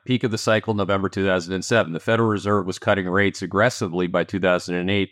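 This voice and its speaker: The Canadian-accented founder of an investment firm responds to interview questions in a lively, forceful way, adding sarcastic asides. He has a deep voice, and the studio-quality recording has no echo.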